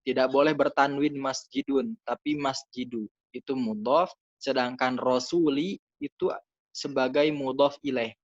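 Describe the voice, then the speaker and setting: A man walks through grammar answers at a middling pitch, patient and chatty, leaning on little fillers as he explains. The sound is dull and dry, close and without room echo. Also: unhurried. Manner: patient, casual, many fillers and "gitu ya". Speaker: Arabic grammar teacher.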